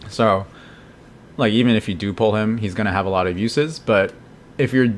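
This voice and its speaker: A man's voice: fairly low pitch, moderate pace, a little hiss or hum. A man streaming a game, thinking aloud casually and answering chat questions. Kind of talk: live gameplay commentary.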